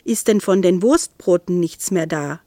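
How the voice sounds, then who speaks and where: A gruff, grumbling tall man from a storybook, short-spoken and a little lower in pitch, as a woman reading aloud puts him on. The recording is dry and close. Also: a little slow, warm tone, dry recording, close to an everyday voice.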